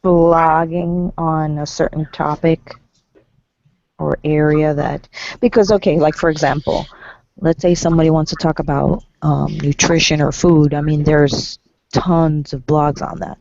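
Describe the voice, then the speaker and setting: A woman's voice: deep voice, fairly even intonation, a little slow, creaky, darkish tone, no room sound. A woman in a casual online group discussion, asking a question in a hesitant way as she searches for words. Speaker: guest in discussion. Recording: dull lo-fi call audio.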